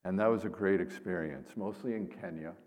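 An older man, a seminary professor, giving an informal, halting talk to a congregation in an echoing church. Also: low voice, darkish tone. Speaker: seminary professor and missionary pastor. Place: large indoor church space. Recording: reverberant church hall, long echo.

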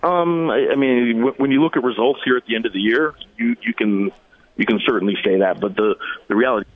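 A man calling in as a sports reporter over a bad phone connection that keeps cutting out, talking in halting bursts with frequent restarts. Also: medium pitch. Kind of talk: casual call-in chat. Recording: tinny, dry phone line.

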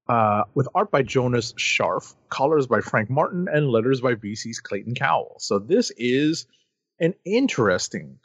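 On a comic book podcast, a male co-host reads out the credits for new issues and then chats in a lively, casual way. He has a medium-pitched voice, and the dull audio carries no room sound.

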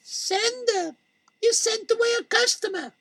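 A man voicing a fussy middle-aged female shopkeeper in a very high, thin voice. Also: measured pace, gravelly, fairly bright tone, dry recording, full character voice. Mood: scolding. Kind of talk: storytelling with acted voices.

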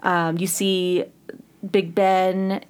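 A woman's voice: on the low side, level tone, extremely slow, smooth. A woman co-hosting a podcast in casual chat about films, with a dry, teasing way of talking. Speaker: podcast co-host.

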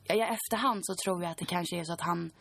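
A woman's voice: lowish voice, vocal fry, a bit bright, dry recording. A woman in her twenties, a podcast guest, recounting a personal story in a chatty way full of fillers.

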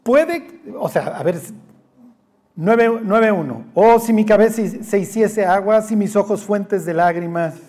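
A Bible study teacher with a mellow, warm tone leads a lively group class. The teacher jokes, teases and quizzes the students, and slips into quoted voices as the class goes. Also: medium pitch, unhurried. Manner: joking, teasing, quizzes the class.

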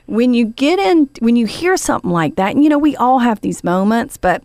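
A woman's voice: on the high side, lively intonation, brisk, a little mellow, no room sound, clean studio sound. A woman hosting a podcast, telling a story in a casual, chatty way with lots of fillers and the odd "honey" for her guest. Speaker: podcast host.

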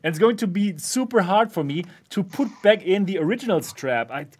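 Man, high-pitched voice, podcast host, casual chat, laughs often. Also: expressive, a little fast, slight background noise. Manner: laughs often while talking. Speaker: host of a VR channel.

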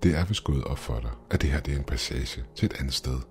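A man's voice: rumbling low, darkish tone, soft background music. A man voicing an older male double of the narrator, insistent and explaining urgently in a horror story.

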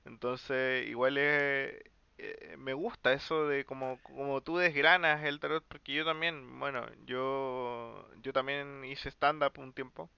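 A man hosting a podcast interview, chatty and quick to laugh. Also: medium pitch, steady tone, gravelly, sharp tone, clean tone, dry recording, muffled recording. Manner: laughs easily, chatty and encouraging. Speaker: podcast host. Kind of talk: casual interview chat.

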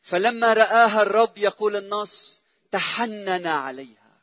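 A man preaching a sermon, emotive and repetitive, swelling loud then dropping to a hush. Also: sits high, normal speed, no room sound, clean studio sound.

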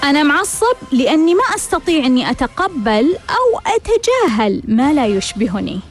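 High, animated woman host. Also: brisk, over music. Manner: rhetorical, repeats questions and answers them. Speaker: host of a self-help show. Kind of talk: scripted self-help monologue.

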